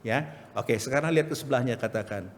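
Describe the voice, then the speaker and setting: A man's voice: medium pitch, fast talker. A man, an evangelist preacher, giving a storytelling sermon and often calling his listeners brothers and sisters. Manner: retells a story vividly. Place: church hall. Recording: reverberant church hall, faint background ambience.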